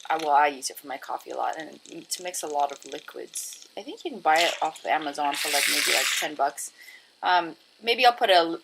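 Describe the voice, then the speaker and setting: A woman with a low, gravelly, slightly bright voice hosts a cooking video, walking viewers through each step in a chatty, informal way and calling them "guys" and "friends." The recording is rough, with a little background noise.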